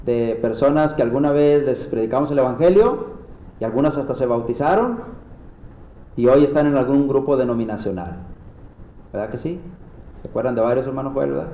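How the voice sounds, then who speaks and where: Earnest Mexican preacher in echoey room. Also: male voice, medium pitch, fairly quick. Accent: Mexican Spanish. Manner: earnest, repeatedly addresses listeners as brothers. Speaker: preacher teaching a class. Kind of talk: sermon-style Bible class. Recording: echoey room, dull lo-fi sound.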